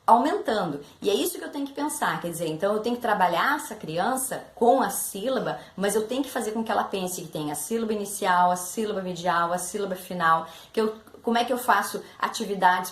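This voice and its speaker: Brazilian woman explaining literacy lessons, echoey room. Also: mid-range voice. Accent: Brazilian Portuguese. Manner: explains step by step with concrete examples, addresses listeners directly. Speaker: literacy education professor. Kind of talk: explanatory teaching talk. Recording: echoey room with faint background noise.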